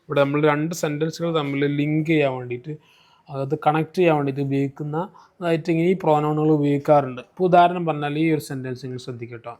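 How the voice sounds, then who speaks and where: A man's voice: a little high, fairly even intonation, darkish tone. Man explaining grammar step by step. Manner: explains step by step, slowing down to spell out Arabic terms. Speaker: Arabic grammar tutor. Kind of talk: recorded lesson explanation.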